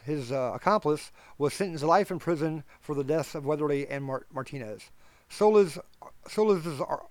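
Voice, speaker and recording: Podcast host, male, slightly high voice, reads headlines then goes blunt and sarcastic; dry close mic. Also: dry recording. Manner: reads news stories aloud, then adds blunt sarcastic commentary; stumbles and corrects himself while reading. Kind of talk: reading news and commenting.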